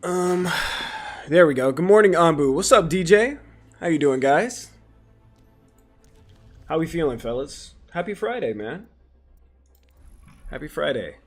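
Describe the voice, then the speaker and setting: A man's voice: fairly high pitch, expressive, measured pace, long pauses, faint music behind. A man chatting casually on a livestream, greeting viewers by name and muttering to himself as he sets things up at home.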